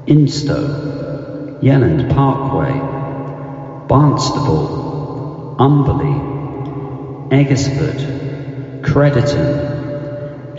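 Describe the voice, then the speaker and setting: A male station announcer, played by a man, reads a train station announcement in a slow, formal cadence. His mellow voice booms around a cavernous hall with a long reverb, and the sound is dull and muffled. Faint music plays behind him. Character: male railway station announcer calling stops. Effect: train station announcement over a loudspeaker.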